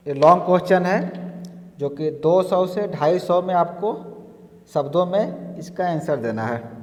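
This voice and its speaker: Man, teacher, exam-prep lesson, unhurried, repeats points, long reverb. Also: sits high, a little mellow. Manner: slow, explaining step by step with repetitions.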